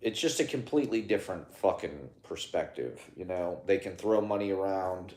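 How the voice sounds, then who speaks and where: A man who performs as a clown, speaking to his phone in a rambling casual monologue, halting, with many fillers and restarts. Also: sits low, lively intonation, a little mellow, roomy sound.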